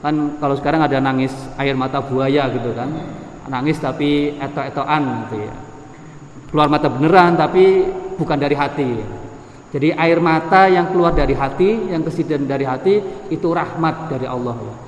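A man with a Javanese accent giving a religious lesson. He chants Arabic text slowly and then explains it in relaxed, conversational speech. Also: fairly high pitch. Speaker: ustadz teaching a hadith book. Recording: echoey room, long reverb, faint noise.

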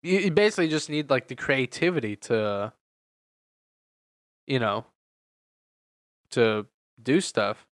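A man's voice: mid-range voice, animated, slow, pauses often, a bit bright, no room sound, clean studio sound. A man co-hosting a casual chat, loose and talkative, often eating while he speaks. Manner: chatty, eats while talking, laughs often. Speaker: podcast co-host.

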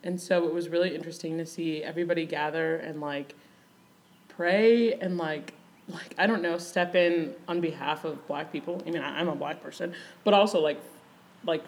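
A 21-year-old woman from Kenya, raised in Michigan, chatting as a podcast guest, full of fillers and quick laughs. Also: sits low. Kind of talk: casual podcast conversation.

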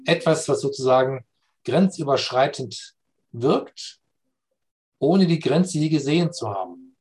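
A man explaining spiritual and philosophical ideas in a slow, reflective conversation, often checking understanding with "ja?". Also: mid-range voice, a little mellow.

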